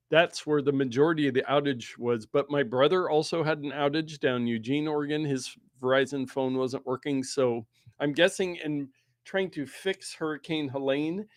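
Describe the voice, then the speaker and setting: Higher-voiced male tech podcast host. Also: fairly even intonation, moderate pace, dry recording, studio quality. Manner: chatty, detailed, explains at length. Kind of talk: casual chat. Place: Pacific Northwest.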